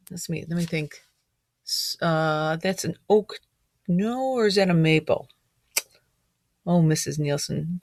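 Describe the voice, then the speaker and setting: A middle-aged woman, a teacher, reads a picture book to a group of children in a lowish voice, recorded dry. Along the way she chats and asks them frequent, gentle questions, speaking in a child-directed manner.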